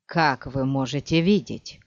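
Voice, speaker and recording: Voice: mid-range voice, a little slow, no room sound, natural voice. Stilgar, a grieving loyal desert chief read by a narrator. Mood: pleading. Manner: anguished, pleading. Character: loyal grizzled male desert warrior chief, devoted. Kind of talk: audiobook character reading. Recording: dull lo-fi dry audiobook recording.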